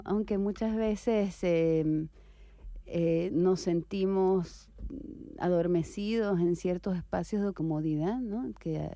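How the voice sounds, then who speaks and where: A Venezuelan woman writer answers interview questions reflectively and without hurry, using soft hesitations and tag questions. Her voice is on the low side, and there's no echo.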